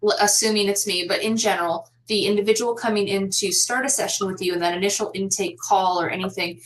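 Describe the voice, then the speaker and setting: A woman hosting an online interview over a video call, chatty and quick to laugh, asking long run-on questions. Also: medium pitch, a little hiss or hum, rough recording. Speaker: host.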